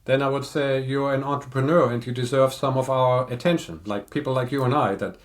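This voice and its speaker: A man's voice: mid-range voice, fairly even intonation. Older man explaining audio gear. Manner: explanatory, technical, measured. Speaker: audio reviewer guest. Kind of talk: casual podcast chat.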